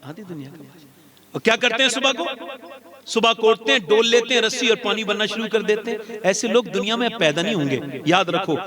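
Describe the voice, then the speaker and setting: A male preacher delivers an impassioned sermon in a notably high voice, carrying his stories toward loud, emphatic climaxes. A live gathering can be heard clearly around him. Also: fairly quick. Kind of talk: emotional sermon storytelling. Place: religious gathering with a live audience. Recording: crowd audible behind the voice.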